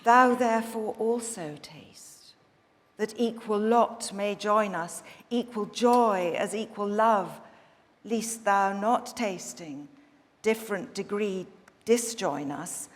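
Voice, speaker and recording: A woman voicing Eve, the first woman, eager and persuasive, in a measured dramatic verse reading. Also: mid-range voice, close to an everyday voice. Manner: measured, earnest verse delivery. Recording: long hall reverb.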